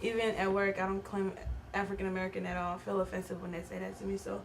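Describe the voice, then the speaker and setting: A woman from Ivory Coast, a talk show guest, speaking haltingly and earnestly. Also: medium pitch, level tone, creaky, a little hiss or hum. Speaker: guest, pre-K assistant teacher. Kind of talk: casual talk show conversation. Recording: voice picked up from a distance.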